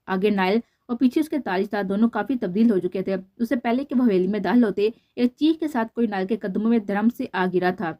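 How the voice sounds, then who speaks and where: A woman narrating a romance novel aloud in a steady storytelling manner. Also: mid-range voice, few pauses. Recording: dull lo-fi recording.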